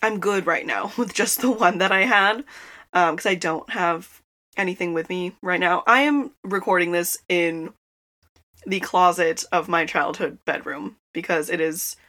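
A woman's voice: fairly low pitch, pushed and bright. A young woman hosting a podcast, chatting casually and laughing often as she rambles, recorded inside a small closet. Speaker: podcast host. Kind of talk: casual chat.

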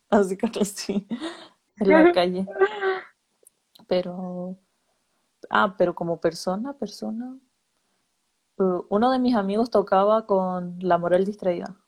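A young Chilean woman in casual chat, relaxed and slangy. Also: medium pitch, a little slow, long pauses. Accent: Chilean Spanish.

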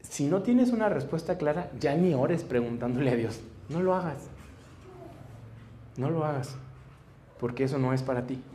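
A man's voice: fairly high pitch, expressive, normal speed, long pauses, warm tone, slight background noise. A man preaching a conversational sermon, telling stories and acting out dialogue with frequent chuckles. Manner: storytelling, acts out dialogue, chuckles often. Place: church service before a congregation.

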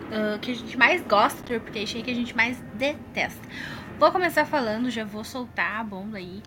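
A woman's voice: fairly high pitch, background noise. A woman with a Brazilian accent hosting a podcast in casual chat, effusive and enthusiastic. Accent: Brazilian Portuguese. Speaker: podcast host.

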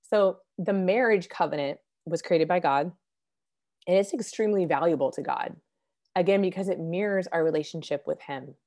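A woman giving an earnest, conversational Bible teaching, a little hoarse as she recovers from losing her voice, clearing her throat now and then. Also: lowish voice, moderate pace, dark tone. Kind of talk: devotional Bible teaching talk.

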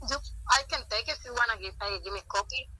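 A woman case worker speaking on a phone call, halting and repeating herself. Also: a little high, bright, forceful tone, slightly rough. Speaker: child welfare case worker. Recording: tinny phone line.

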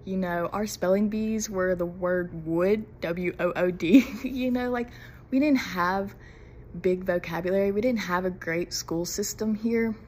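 Measured in pace and darkish in tone, this medium-pitched voice carries a faint hiss or hum. It belongs to a young Mississippi woman on her debut podcast episode, rambling casually on her own, nervous and giggly.

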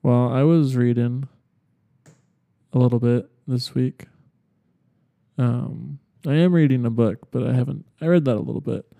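A man's voice: medium pitch, fairly even intonation, measured pace, gravelly, pauses often, phone-quality sound. A man co-hosting a podcast, chatting casually in a rambling, hesitant, speculative way. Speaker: podcast co-host. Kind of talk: casual chat.

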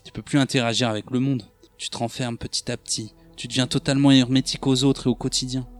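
A man playing a bitter, self-loathing young street thug in a dramatic monologue, ranting in rough slang, with faint music underneath. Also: medium pitch, flat delivery, quick pace, natural voice. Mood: brooding.

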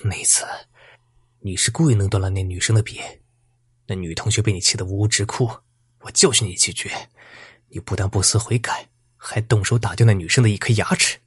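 A man acts out a proud old village teacher who refuses to bow. He speaks in a low, husky half-whisper. The sound is close and dry. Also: steady tone, a little fast, no room sound. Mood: defiant. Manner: hushed, whispery and defiant.

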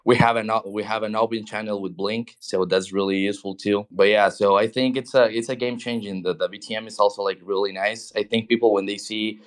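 A man with a fairly low voice talks as a guest in a relaxed interview. He restarts and repeats words often and ends his points with "right?". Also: brisk, hardly any pauses. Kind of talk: casual interview talk.

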